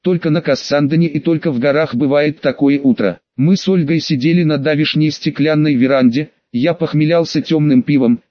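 A man reading a first-person audiobook narration in an even, measured way. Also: fairly high pitch, no echo, highs cut off.

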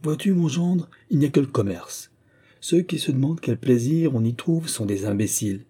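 A man voicing a shrewd, gruff, fatherly old male cloth merchant who lectures and exclaims in an audiobook. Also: lowish voice, moderate pace, warm tone. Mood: exalted.

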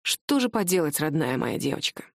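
A woman reading an audiobook voices a restrained, tender male wizard husband, speaking low and calmly. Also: moderate pace, no echo, studio quality, natural voice. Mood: sorrowful. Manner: calm, low, quietly sorrowful.

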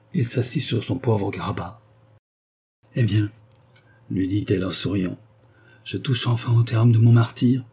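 A man narrating a classic novel as an audiobook in a measured, formal reading. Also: fairly low pitch, mellow, slight background noise. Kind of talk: scripted narration.

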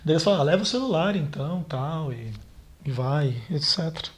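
A man, a pastor, telling a therapist a painful personal story in a halting way and repeating words as he goes. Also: a little high, lively intonation. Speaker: pastor speaking as a therapy client. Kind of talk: personal account in a therapy session.

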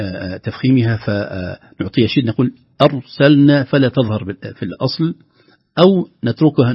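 Brief: male recitation teacher, husky tone, explanatory delivery with drawn-out chanted examples, dry dull lo-fi studio sound. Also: medium pitch, no echo. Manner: explanatory, slowly chanting sample words. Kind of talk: tajweed lesson with recited examples.

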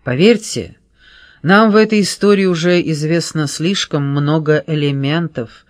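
A man reading a calm male French private detective in an audiobook, gently persuading a suspect. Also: a little high, a little slow, no echo, studio quality, natural voice. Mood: persuasive.

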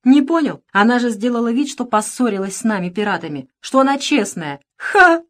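A woman's voice: on the high side, expressive, fairly quick, fairly bright tone, pitched above the performer's own voice. Woman doing a mocking cunning pirate. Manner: mocking, condescending. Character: cunning grumbling male pirate Rat. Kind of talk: audiobook character voice.

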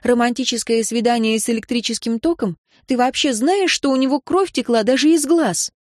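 A woman voicing an earnest young heroine in an audiobook, speaking gently and pleading. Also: medium pitch, steady tone, moderate pace, no echo, studio quality, lightly acted. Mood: upset. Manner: gentle then pleading, voice rising when upset. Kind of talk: audiobook character reading.

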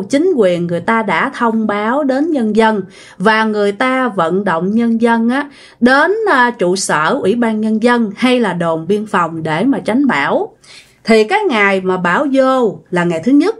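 A woman telling a ghost story in a chatty, folksy way. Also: mid-range voice. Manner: chatty, folksy, acts out quoted voices. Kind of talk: casual ghost story narration.

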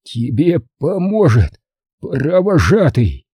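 A dying hunter father speaks slow, breathless, solemn words, as a man reading a storybook puts him on. His voice is very dark and husky, with a close, dry sound. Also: fairly high pitch, very animated, no room sound, voice pushed up, full character voice. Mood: weak solemn. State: short of breath.

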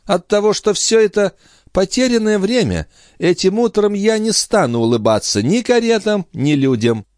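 A man reading an audiobook, voicing a haughty, hot-tempered royal favourite in a shrill, imperious voice. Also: expressive, darkish tone, no echo, clean studio sound. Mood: scornful. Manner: shrill, imperious, quick to anger.

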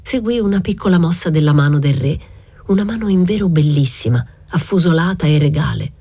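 A woman reading a novel aloud as scripted literary narration, in a measured, even way. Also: sits low, breathy edge. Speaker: audiobook reader.

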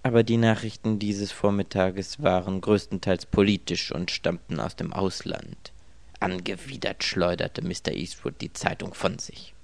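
A man reading a story aloud as its narrator, telling it in a wry, expressive way. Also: deep voice, moderate pace, creaky, dry recording. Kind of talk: scripted audiobook narration.

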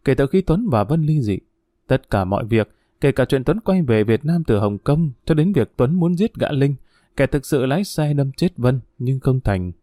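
A man narrating a story in an audiobook, steady and even. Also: medium pitch, normal speed, no room sound, clean studio sound.

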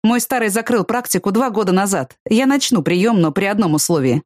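A woman reading the lines of a calm, protective young man in an audiobook, in a steady, reassuring way. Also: mid-range voice, fairly quick, no echo, studio quality, lightly acted.

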